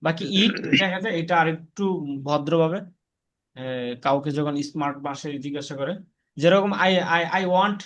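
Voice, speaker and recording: A man's voice: a little high, a bit bright. A man teaching an online spoken English class, patiently saying each word and its meaning for his students. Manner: patient, repeats words slowly for students.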